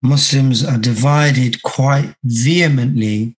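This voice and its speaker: A man with a hoarse, croaky sore-throat voice, teaching an online religious class in a measured, deliberate way. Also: medium pitch. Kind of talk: online class lecture with reading aloud. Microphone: video call.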